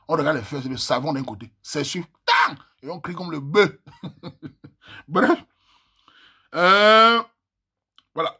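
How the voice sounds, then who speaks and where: A man's voice: a little high, pushed and bright, husky. A man with a Cameroonian French accent, reading messages aloud and joking with his viewers as a vlogger. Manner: joking, chatty, talks to viewers as little brother.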